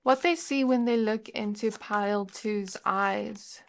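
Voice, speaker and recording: A woman hosting a pick-a-card tarot reading, her voice sitting in an ordinary middle range. She speaks to the viewer gently and reassuringly, musing aloud and pausing often to find the right words. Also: medium pitch, gravelly. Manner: musing, searching for words with frequent fillers. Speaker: tarot reader.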